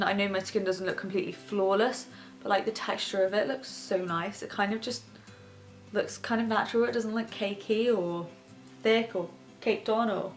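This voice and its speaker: A young woman chatting casually and rambling a little as she does her makeup, vlogging from her bedroom. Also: medium pitch. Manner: rambling, casual, talks while doing makeup. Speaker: beauty vlogger host. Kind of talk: chatty get-ready-with-me makeup tutorial. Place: bedroom, sitting on her bed.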